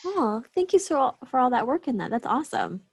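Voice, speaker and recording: A woman conducts an interview in a somewhat high voice with a husky edge. Her pitch moves in a lively way as she asks prepared questions. Between them she gives short, casual, affirming responses. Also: a little fast. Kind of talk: scripted interview questions with brief casual reactions.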